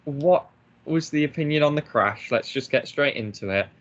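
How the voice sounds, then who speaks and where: A man's voice: on the high side, lively intonation, moderate pace. Blunt man, lo-fi podcast sound. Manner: opinionated, blunt, joking. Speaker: podcast co-host. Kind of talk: casual chat. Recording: dull lo-fi podcast audio.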